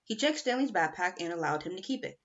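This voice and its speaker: Working as an audiobook reader, a woman narrates a children's novel from a script on a lo-fi home recording. Her voice is lowish, animated and quick.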